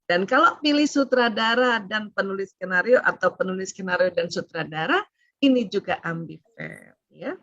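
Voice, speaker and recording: A middle-aged woman giving a parenting seminar, chatty and animated, laughing often. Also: medium pitch, normal speed, dry recording. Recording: dull lo-fi sound.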